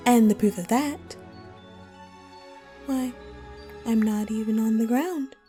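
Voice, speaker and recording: Girl doing a playful riddling wonderland cat lady, high soft mellow voice, takes her time, music behind. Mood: whimsically advising. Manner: playful, coy, drawn-out phrasing with whimsical wordplay. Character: teasing, riddling female Cheshire cat of Wonderland. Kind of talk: scripted audio roleplay addressed to the listener.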